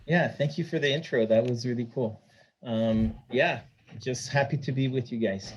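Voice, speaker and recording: A man from Quebec, Canada, speaking softly and politely as a guest on a podcast. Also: mid-range voice, moderate pace, highs cut off, slight background noise. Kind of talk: casual interview chat.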